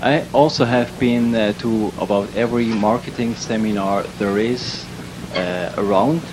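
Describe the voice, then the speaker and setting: A man's voice: on the low side, unhurried. A man from Switzerland who works in direct marketing, giving an earnest, emphatic testimonial. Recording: hissy background noise.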